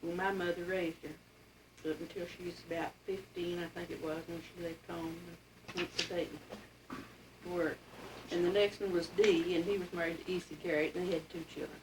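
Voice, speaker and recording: A woman's voice: on the low side, steady tone, moderate pace. An elderly woman with an Appalachian accent reminisces casually about family history in plainspoken, folksy speech. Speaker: interviewee telling family history. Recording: distant mic, clearly noisy home recording.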